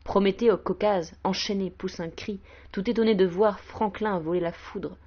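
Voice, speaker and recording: A woman's voice: medium pitch, steady tone, moderate pace, highs cut off, close to an everyday voice. A woman reading a poem aloud in a solemn, declamatory way, giving voice to Man personified as a proud, boastful male spirit. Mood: proud, exalted. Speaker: poetry reader. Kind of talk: poetry recitation.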